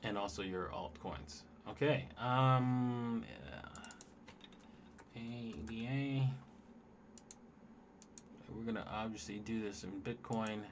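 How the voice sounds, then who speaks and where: Guy on a livestream going over charts, lowish voice, rambly, a little hiss in the background. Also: slow pace, pauses often. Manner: loose, rambling, talks straight to viewers. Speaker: livestream host. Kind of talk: casual livestream chart commentary.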